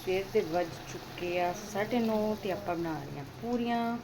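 A woman's voice: medium pitch, normal speed. A woman with a Punjabi accent chatting casually to her viewers as a home vlogger, often asking them questions as she goes. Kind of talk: casual chat to viewers while doing housework. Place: at home, partly in a kitchen while cooking. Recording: noisy home recording with household ambience.

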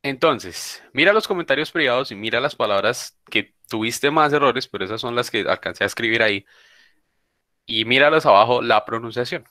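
A man's voice: mid-range voice, fairly quick, bright, forceful tone, dry recording. A man teaching an online English class, speaking informally and insistently and repeating his points. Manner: informal, calls students "papá", insistent repeating. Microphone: video call.

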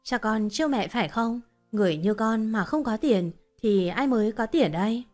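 A woman's voice: on the high side, expressive, moderate pace, a little mellow, soft background music, lightly acted. A woman voicing a scheming, whining middle-aged mother-in-law in a told story, wheedling and complaining.

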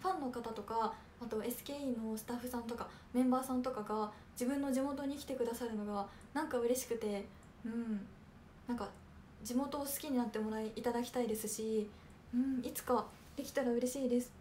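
A Kanagawa-born idol trainee in young adulthood runs a livestream, chatting casually as she reads and answers viewer comments. She talks a little fast with fairly even intonation, softly and politely, using many little fillers. Her voice is high and light, and a faint hiss runs in the background.

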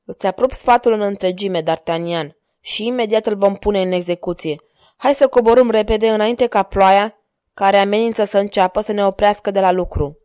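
A gentle, earnest young prince, as a woman narrator voices him, speaking softly and plainly. The voice is mellow, with a dry, close sound. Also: medium pitch, clear, resonant tone, dry recording, natural voice. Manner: earnest, soft-spoken. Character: gentle young man, the king's twin brother.

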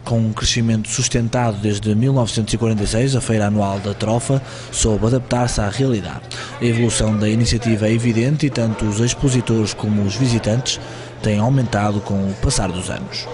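A man's voice: fairly low pitch, steady tone, a little fast. A man reading a formal, scripted news voice-over. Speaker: news reporter narrating.

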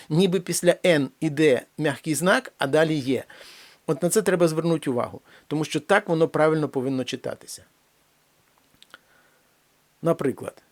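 A man teaching a language lesson, explaining pronunciation slowly and deliberately and repeating each example word several times. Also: a little high, darkish tone.

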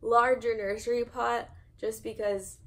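Repotting plants indoors at home, this 21-year-old American woman vlogs in an informal, rambling, self-deprecating style. Her voice is fairly high and level, at a measured pace, and the homemade recording picks up noticeable background noise.

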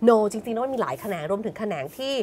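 A woman's voice: on the high side, expressive, fast talker, slight background noise. A woman from Thailand co-hosting a casual educational TV show, patiently explaining English vocabulary and modelling the pronunciation. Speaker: co-host teaching English vocabulary.

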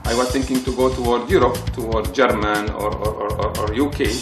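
A man's voice: medium pitch, steady tone. Man from the Emirates, echoey, over music. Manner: halting, repeats words while searching for them. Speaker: patient giving a testimonial. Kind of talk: testimonial interview. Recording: roomy echo with loud music bed.

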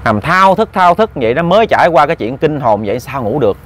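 A man's voice: on the high side, lively intonation, quick pace. A man telling a ghost story in a chatty way, speaking directly to his listeners. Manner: chatty, addresses listeners directly, repeats words. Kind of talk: casual spoken storytelling.

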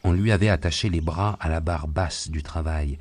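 A man narrating an audiobook with a very low, deep voice. He reads in a calm and measured way. The narration has a steady storytelling pace. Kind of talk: scripted narration.

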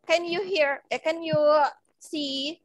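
A young woman with an Indonesian accent teaching children English over a video call, switching between English and Indonesian and spelling out phrases slowly for her pupils. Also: high-pitched, fairly even intonation, dry recording, poor audio. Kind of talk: online English lesson for children.

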